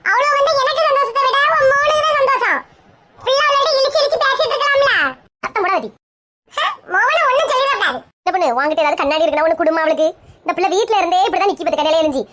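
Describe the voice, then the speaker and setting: Woman playing a touchy village auntie, Kanyakumari Tamil accent, very high shrill voice, quick nagging delivery. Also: fairly bright tone. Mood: bickering. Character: touchy bald middle-aged village woman, quick to take offence.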